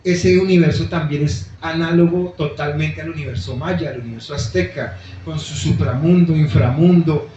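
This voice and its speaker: An author presents his book at a bookstore event room, explaining things directly to the audience in a fairly high, warm voice at a moderate pace with few pauses. The recording is very echoey with a dull lo-fi room sound and slight background noise.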